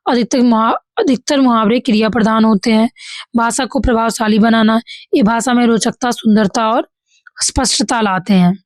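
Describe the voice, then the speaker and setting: Her voice is on the high side and a little mellow, recorded dry. In a Bihari Hindi accent, she leads a grammar lesson for exam preparation, reading each example before correcting it and saying "ठीक है" a lot.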